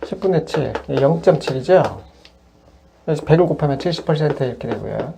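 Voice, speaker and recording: A woman math tutor explains each step patiently, the way she would with a student. Her voice sits extremely low and has a gravelly, creaky edge. Steady background noise runs under the recording. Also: fairly quick. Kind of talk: worked-example lesson.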